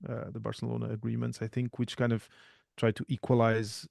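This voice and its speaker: A man, talking as a guest in a relaxed, thoughtful way with frequent restarts. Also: mid-range voice, a little fast, vocal fry, no echo, clean studio sound. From Portugal. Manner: thoughtful, self-correcting, many restarts. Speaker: podcast guest. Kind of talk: casual interview talk.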